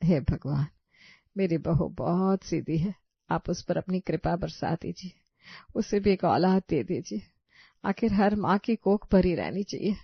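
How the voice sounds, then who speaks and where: A woman voicing a kind older mother-in-law who scolds fondly and calls out loudly in a cartoon. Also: on the low side, measured pace, vocal fry, breathy edge, dry recording, highs cut off, full character voice. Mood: fussing caring.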